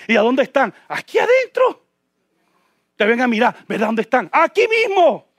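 A man with a very high-pitched voice preaches a passionate sermon to his congregation, dropping to hushed, low tones and then rising to shouted climaxes. The sound is close and dry, with almost no room echo. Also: gravelly. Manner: addresses the congregation directly with rhetorical questions. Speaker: pastor. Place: church.

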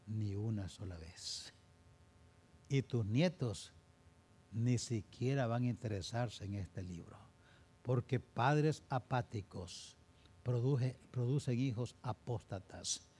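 An older man preaching a sermon as pastor, swinging between loud stress and quiet, slow pleading. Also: mid-range voice, husky.

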